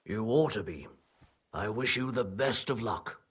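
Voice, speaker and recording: A male actor playing a wary, gruff medieval stableman in a video game, grudgingly helpful, with blunt, folksy rustic phrasing. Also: fairly low pitch, animated, a little slow, a bit bright, full character voice. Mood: grudgingly cooperative.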